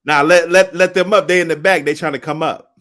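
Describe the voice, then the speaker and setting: A man's voice: a little high, steady tone, fairly quick, a bit bright. Slangy man hosting a live talk stream. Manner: loose slang, hypes the room, repeats phrases. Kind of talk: casual chat.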